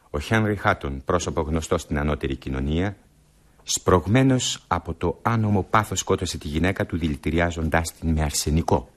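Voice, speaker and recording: Brief: man as a brusque, scornful society gentleman, very deep, radio play. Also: natural voice. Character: high-society husband accused of poisoning, brusque and cruel. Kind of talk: radio drama acting.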